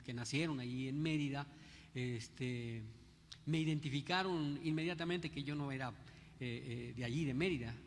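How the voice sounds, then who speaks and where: An older man, a pastor with a Mexico City accent, preaching a sermon in a conversational, unhurried way with frequent hesitations. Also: mid-range voice. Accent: Mexico City Spanish. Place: church. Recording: echoey hall.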